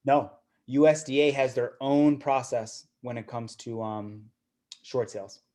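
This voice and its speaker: Speaking with a dark tone, little pitch movement, and a measured pace, this mid-range male voice belongs to a guest speaker addressing investors. His seminar talk is conversational and casual, with repeated words and fillers such as "you know."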